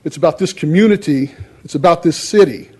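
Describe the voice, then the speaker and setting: A man's voice: fairly high pitch, fairly quick, warm tone, breathy edge. A man giving a formal public comment at a council meeting in a stern, indignant, accusatory way.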